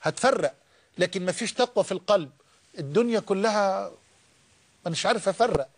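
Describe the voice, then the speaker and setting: A man preaching a sermon in an Egyptian accent, building to emphatic repeated phrases and slowing to recite scripture. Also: high voice, animated. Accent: Egyptian Arabic. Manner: impassioned, rising emphatic repetitions; slow drawn-out recitation of scripture.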